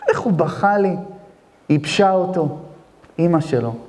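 A man preaching as a rabbi in a very high, lively voice that climbs and drops sharply. He throws out rhetorical questions and answers them himself. His voice swings from loud to hushed, and long reverb from a hall trails each phrase. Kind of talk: impassioned sermon.

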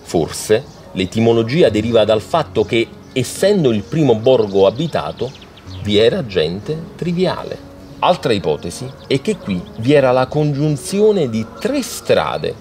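A man's voice: mid-range voice, big pitch swings, a little slow, darkish tone. A man narrating a documentary in an explanatory, storytelling way. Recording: music playing behind.

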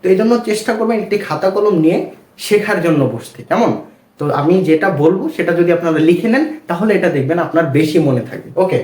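Guy teaching a reading lesson, high-ish voice, slow and patient, keeps asking questions, roomy echo. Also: lively intonation, darkish tone. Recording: echoey room.

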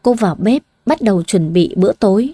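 A woman narrating a bedtime story in a calm, even scripted reading. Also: medium pitch, brisk, breathy edge, no room sound.

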